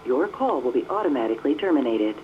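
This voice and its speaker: A low, mellow woman's voice comes through a payphone line as a recorded announcement, formal and measured in its politeness. Her pitch rises and falls in a lively, sing-song way, and the sound is muffled with a faint hiss behind it. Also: a crowd in the background. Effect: recorded prompt heard over a payphone line.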